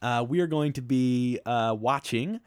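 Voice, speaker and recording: A man's voice: medium pitch, measured pace, clear, resonant tone, no echo. Male podcast co-host, mid-range voice, rambling, laughs a lot. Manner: laughs often, rambling with many ums and uhs. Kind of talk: casual movie-review podcast chat.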